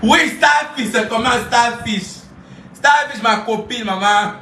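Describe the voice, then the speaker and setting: A woman, ranting live to her followers and mocking someone. She keeps laughing, chants insults and sometimes shouts. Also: a little high, slow pace. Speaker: social media streamer. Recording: echoey room, voice far from mic, faint hiss.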